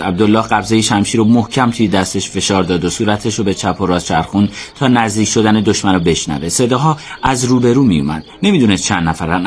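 A man narrating a radio drama in a steady, measured storytelling voice. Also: fairly low pitch, slightly rough.

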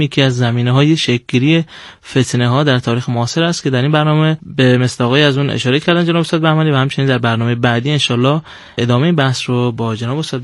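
A male radio host speaks in a formal, courteous way as he thanks guests and signs off the program. His voice sits at a middle pitch, and the sound is dry and close. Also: dry recording.

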